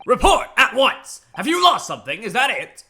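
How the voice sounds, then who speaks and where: A man's voice: extremely high pitch, wildly swooping pitch, moderate pace, pushed and bright, a little hiss or hum, voice pushed up, heavily acted. A man doing a barking army sergeant. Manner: clipped military commands.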